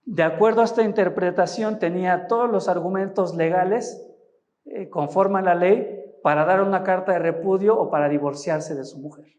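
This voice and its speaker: A man's voice: high-pitched, normal speed, a little mellow. A man with a Mexican Spanish accent preaching a sermon as pastor, explaining scripture and often asking his listeners short questions. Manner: teaching, asks listeners rhetorical questions.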